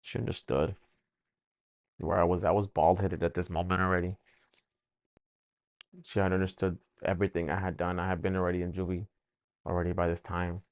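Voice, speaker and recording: A man telling his personal faith testimony, emotional and halting, often repeating words as he speaks. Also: deep voice, little pitch movement, clear, resonant tone, no echo.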